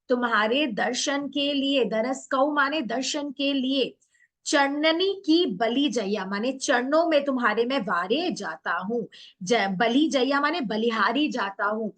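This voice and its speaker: A woman teacher with a fairly high voice walks her online class through a poem, one line at a time. She tosses in English terms and keeps asking questions, then answers them herself. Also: a bit bright. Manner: mixes English words into Hindi. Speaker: Hindi teacher.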